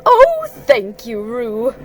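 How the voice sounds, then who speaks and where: A woman plays a friendly, befuddled owl from a children's storybook. The voice sits high and swoops through emphatic, drawn-out words at a very slow pace. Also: wildly swooping pitch, background noise, full character voice. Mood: cheerful, apologetic.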